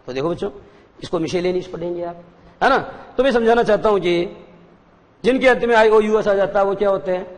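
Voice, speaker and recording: A male teacher giving a classroom lecture, explaining slowly and repeating each point for his pupils. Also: a little high, in a large hall.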